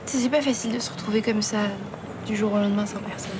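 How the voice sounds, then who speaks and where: A woman's voice: medium pitch, steady tone, fast talker, background noise, lightly acted. An actress playing a downhearted young woman who has just lost her job, in a TV soap drama. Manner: glum, discouraged.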